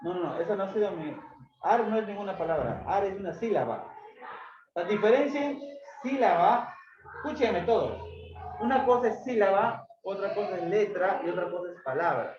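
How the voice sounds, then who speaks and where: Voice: medium pitch, lively intonation, moderate pace. A teacher questioning pupils one by one in a classroom lesson, strict and insistent. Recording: roomy dull recording, clear background noise.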